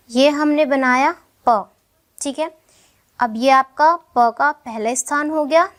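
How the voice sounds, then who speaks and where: A young woman teaching a shorthand lesson step by step, patiently asking questions and answering them herself. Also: sits high. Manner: slow, patient, checks in with "ठीक है" often.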